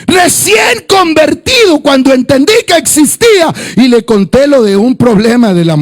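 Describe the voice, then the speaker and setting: A male pastor preaching a sermon, telling stories in quoted dialogue and rising into shouted, singsong fervor. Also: extremely high pitch, expressive, moderate pace.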